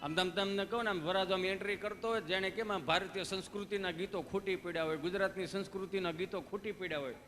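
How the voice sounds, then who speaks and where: A man with a high-pitched voice, a folk comedian with a Kathiawadi Gujarati accent, tells stories on stage to a live audience, talking fast with hardly any pauses. He is animated, acting out every part of the dialogue in different voices. The reverberant hall carries faint music in the background.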